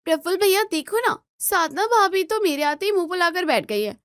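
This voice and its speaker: Woman doing a shrill, spoiled daughter. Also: expressive, normal speed, fairly bright tone, no room sound, clean studio sound. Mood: complaining. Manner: shrill, whiny, commanding. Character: spoiled shrill married daughter, bossy and whiny.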